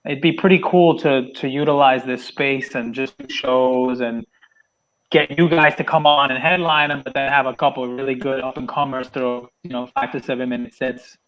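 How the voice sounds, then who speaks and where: A man's voice: medium pitch, fairly even intonation, moderate pace, a bit bright, low-quality recording. Loose, easily laughing male comedian. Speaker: guest comedian. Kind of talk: casual chat.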